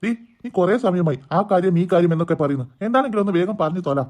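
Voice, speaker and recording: A man's voice: sits high, animated, a little mellow. A man voicing a teasing, stingy father and husband in a cartoon. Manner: teasing, brisk.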